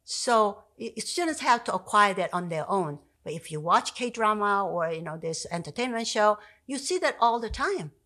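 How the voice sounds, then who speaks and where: Speaking from her bookshelf-lined home study into a stand-mounted podcast mic, a Korean-accented professor in her sixties, a native Korean speaker, explains language as a guest. Her pitch is medium and her pace moderate with hardly any pauses, yet the animated chat is full of fillers and restarts.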